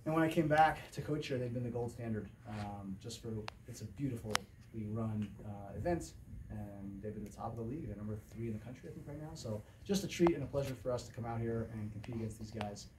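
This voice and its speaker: Speaking at a quick pace in a mid-range voice, a middle-aged man who coaches volleyball fields questions after a game at an indoor press conference. The audio comes from a distant camera mic and carries clear room noise.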